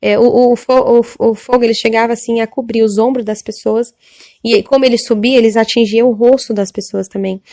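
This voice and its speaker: Woman, church testimony, halting emphatic retelling, fairly high voice, dry sound. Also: steady tone, mellow, dry recording. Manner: halting, repetitive, emphatic storytelling. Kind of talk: religious testimony.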